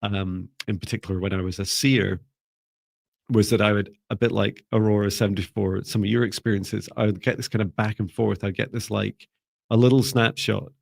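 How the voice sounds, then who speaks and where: A spiritual mentor with a low, gravelly voice leads a live online class, reading viewer comments. He speaks at a moderate pace in a calm, soft, gentle, almost sleepy way, often hesitating and restarting sentences. The sound is close and dry, with no echo.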